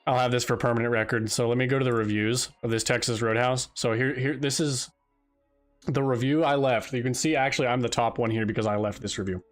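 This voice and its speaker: A man's voice: mid-range voice, fairly even intonation, fast talker, soft background music. A young man chatting on a live stream, telling a rambling story with frequent restarts and exasperated asides. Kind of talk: casual chat while live streaming.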